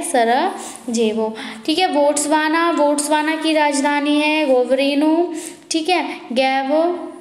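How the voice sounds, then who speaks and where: High-voiced woman teacher drilling answers slowly. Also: echoey room. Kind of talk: exam-prep lesson.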